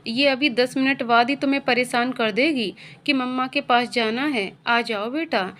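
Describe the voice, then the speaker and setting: A woman's voice: on the high side, measured pace, a bit bright. A woman voicing an older sister and mother who speaks firmly but playfully. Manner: firm, coaxing.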